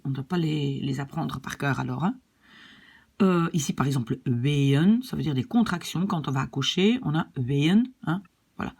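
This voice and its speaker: Slow, breathy woman teaching a language. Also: low-pitched. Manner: patient, repeats and checks "d'accord?". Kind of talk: online language lesson.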